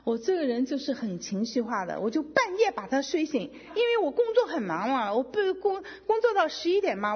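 Animated woman sharing a testimony. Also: sits high. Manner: emotional, animated storytelling with quoted dialogue. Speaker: testimony speaker. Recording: dull lo-fi sound with long hall reverb.

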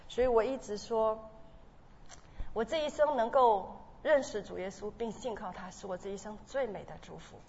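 A woman giving an earnest, emotional church testimony, often halting and restarting as she speaks. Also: on the high side, mellow, a little hiss or hum. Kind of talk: personal testimony. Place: church hall. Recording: dull sound in a large reverberant hall with faint ambience.

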